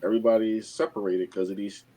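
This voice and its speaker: A man talking as a guest in a casual podcast discussion, halting and often repeating words. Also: fairly low pitch, flat delivery, dark tone, a little hiss or hum, rough recording.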